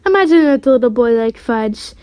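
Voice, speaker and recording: A woman voicing a middle-aged mother who sounds gently surprised. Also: a little high, animated, moderate pace, clean tone, dry recording, close to an everyday voice.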